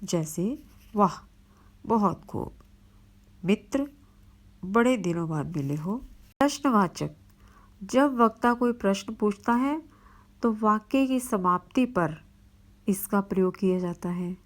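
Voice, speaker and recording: A woman teacher leads a virtual class at an unhurried, deliberate pace. She explains each point with care and reads example sentences aloud for her students. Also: medium pitch, lively intonation. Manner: slow, careful explanation with spoken examples. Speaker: school teacher.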